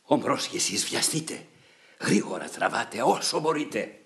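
A man's voice: medium pitch, very animated, gravelly, a bit bright. A man voicing a brash young charioteer who urgently commands his horses in an epic poem reading.

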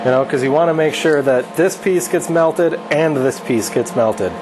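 In an indoor garage workshop at home, a thirtysomething host teaches his wife welding in relaxed, instructional chat. He talks at a moderate clip in a slightly high voice, shrugging things off and poking fun at himself while noise hums in the background.

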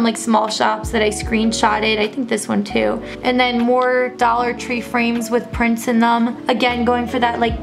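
A college program intern with a slightly high, raspy voice, somewhat stuffy from allergies, gives a casual tour of her small bedroom on a handheld phone. She rambles in a chatty, upbeat way, full of "like" and "um," while music plays clearly beneath her.

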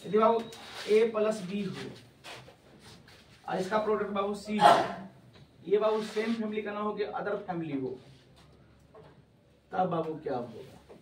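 A man teaching English grammar to a class, calling students "babu" and quizzing them loudly. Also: sits high, measured pace, long pauses, slight background noise. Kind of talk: classroom lecture. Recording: echoey classroom from far off.

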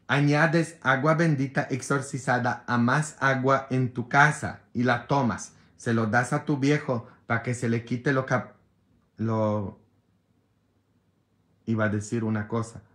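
A man's voice: medium pitch, fairly even intonation, a little slow, a bit bright. A man, a priest with a sore throat, chatting casually and jokingly with his followers, sometimes exasperated. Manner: joking, exasperated, mixes jokes with advice.

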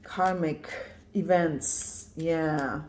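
A Polish woman in her fifties gives an intuitive tarot reading indoors at a card table, the camera on the cards. Her low, darkish voice has fairly even intonation and drawn-out words, and she speaks emphatically, repeating "yeah" and "right?"

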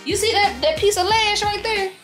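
Sketch figure: a gossipy old grandma, high and piping, echoey house, music under. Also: female voice, moderate pace, fairly bright tone. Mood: teasing. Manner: high, nosy, chatty questioning. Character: nosy old grandmother visiting, loud and gossipy. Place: indoors in a house.

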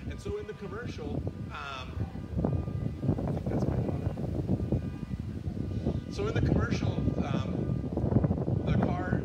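A man preaching a conversational sermon at an outdoor church service, putting questions to his listeners with frequent ums. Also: fairly high pitch. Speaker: pastor preaching. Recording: echoey, distant outdoor sound with loud noise.

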